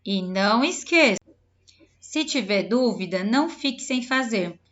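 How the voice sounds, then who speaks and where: A Brazilian woman teacher giving a recorded lesson to young pupils, drawing out each word slowly as she dictates. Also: on the high side, lively intonation, dull audio. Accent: Brazilian Portuguese. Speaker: primary school teacher. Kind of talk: recorded remote lesson for children.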